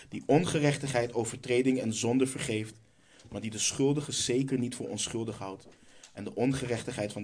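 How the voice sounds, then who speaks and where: A man's voice: mid-range voice, darkish tone, husky. A man preaching a sermon, reading Bible verses aloud and answering his own rhetorical questions.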